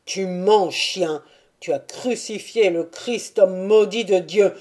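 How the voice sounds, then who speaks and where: A woman reading aloud and voicing a fierce, gray-haired old Cossack chief who shouts accusations. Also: medium pitch, takes it slowly. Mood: furious. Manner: angry, accusing outbursts.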